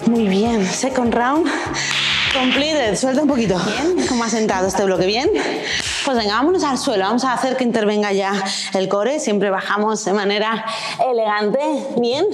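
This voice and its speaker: A woman's voice: on the high side, moderate pace. A woman with a Castilian accent from Spain coaching a workout class, urging listeners on with short exclaimed commands and counts. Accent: Castilian Spanish from Spain. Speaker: fitness coach leading a workout. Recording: music playing behind the voice. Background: loud workout music.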